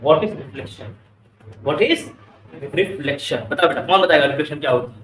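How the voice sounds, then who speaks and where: In an echoey classroom recorded from a distance, a man teaches physics in Indian English, peppering students with questions and addressing them as "beta." He speaks at a fairly high pitch, a little slowly, with a slightly bright tone over light background noise.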